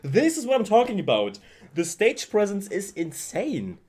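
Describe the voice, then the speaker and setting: A man's voice: sits high, huge pitch swings, moderate pace. A young man from Germany hosting a casual reaction video at home, gushing and repeating his words as he watches. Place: home room with shelves. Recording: music playing behind the voice.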